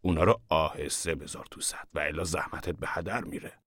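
A man's voice: rumbling low, fairly bright tone, husky, heavily acted. A man voicing a strict middle-aged fruit inspector who gives curt instructions. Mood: stern.

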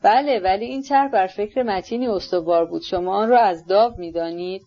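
A woman reading the part of a gentle young prince who speaks kindly and tactfully, on a dull lo-fi recording. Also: mid-range voice, close to an everyday voice. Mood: courteous. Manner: kind, tactful, softly courteous.

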